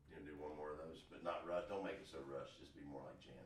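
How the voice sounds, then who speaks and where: A man directing an interview shoot, coaxing the speaker with gentle directions. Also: very deep voice, fairly even intonation, quick pace, slight background noise. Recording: roomy echo, far from the mic.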